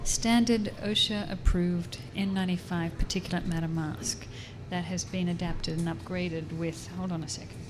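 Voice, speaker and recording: Crowd noise from a busy public fair sits behind this Australian woman, a professor and artist being interviewed on radio. Her voice is on the low side and steady, moving at normal speed with hardly any pauses, though she laughs a lot and often starts sentences over.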